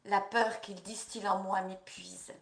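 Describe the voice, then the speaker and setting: A woman practitioner leading a guided EFT tapping session, repeating slow affirmations and coaching listeners between phrases. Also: mid-range voice, little pitch movement, creaky, roomy sound.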